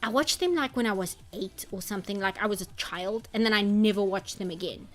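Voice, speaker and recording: A woman's voice: medium pitch, a little fast. Rambling woman chatting on a stream. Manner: rambling, reads chat comments aloud. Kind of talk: casual chat on an art stream. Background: faint background music.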